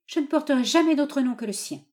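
A woman reading aloud, voicing a distressed young daughter who gently stands up to her father. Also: sits high, fast, voice pushed up, close to an everyday voice. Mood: pleading. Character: heartbroken young daughter, gentle but firm.

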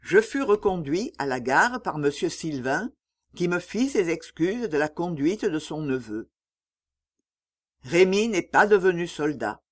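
Audiobook narrator, literary reading, slow, expressive, lively intonation. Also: medium pitch.

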